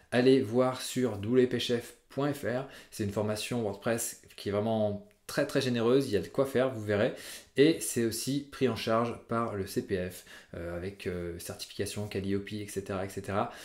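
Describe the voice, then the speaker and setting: A man hosting a casual software tutorial, chatty and upbeat with frequent filler sounds as he talks through his screen. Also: medium pitch, echoey room. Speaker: WordPress tutorial host.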